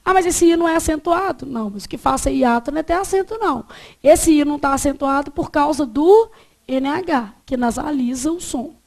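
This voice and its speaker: A woman's voice: high-pitched, fairly quick, a little mellow. A woman with a Brazilian accent teaching a Portuguese grammar lesson in a classroom, often quizzing her students with check questions.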